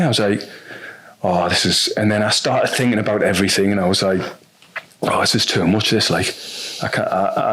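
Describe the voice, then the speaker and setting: A man's voice: fairly low pitch, a bit bright. A man with a North East English accent telling a personal story on a podcast in a frank, rambling way, full of restarts and fillers. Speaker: podcast guest.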